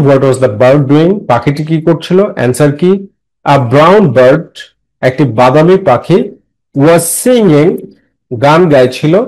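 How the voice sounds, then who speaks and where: A man with a Bengali accent teaching an English lesson, reading phrases slowly and repeating them with explanations. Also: fairly high pitch, darkish tone, rough recording. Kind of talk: bilingual classroom lesson.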